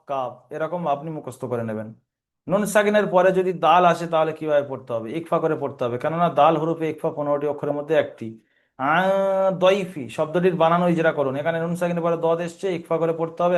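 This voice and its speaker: High-voiced man teaching Quran reading. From Bengal region of India. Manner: patient, step-by-step drilling, asks and answers himself. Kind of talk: online lesson.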